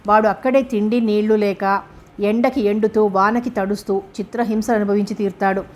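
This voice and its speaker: A woman voicing a scheming male kidnapper who threatens and mocks a man over the phone in a storybook reading, at a middle pitch. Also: steady tone, moderate pace, lightly acted. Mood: taunting. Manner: menacing, mocking.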